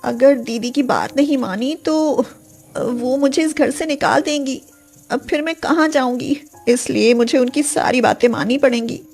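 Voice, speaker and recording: A woman's voice: high voice, measured pace, faint music behind, voice pushed up. A woman playing a pleading poor young sister. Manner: pleading, soft-hearted. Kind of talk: storybook voice acting.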